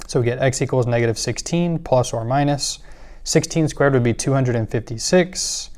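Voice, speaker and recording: A man's voice: medium pitch, normal speed. A man teaching a math lesson, walking through worked examples step by step with occasional fillers. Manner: steady step-by-step explaining with fillers.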